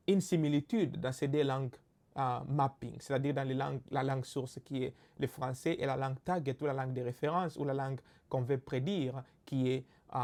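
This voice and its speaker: Man, Congolese French accent, recorded lesson, mid-pitched voice, patient explanations, frequent fillers. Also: a little mellow. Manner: explanatory, many fillers and rhetorical checks. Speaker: teacher. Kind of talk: recorded lecture.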